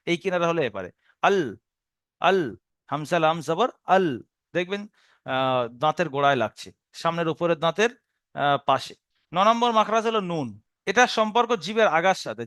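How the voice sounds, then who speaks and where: A man teaching where Arabic letters are pronounced, patiently repeating and demonstrating each sound slowly, with a Bengali accent. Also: sits high, fairly bright tone, no echo, clean studio sound. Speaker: Quran recitation teacher. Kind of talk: explaining Arabic letter pronunciation.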